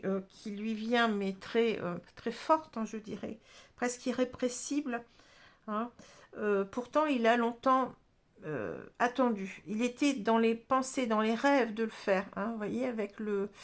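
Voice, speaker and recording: A woman giving an unscripted card reading to viewers in a gentle, reassuring way, with many hesitations and fillers. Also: on the high side. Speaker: astrology tarot reader.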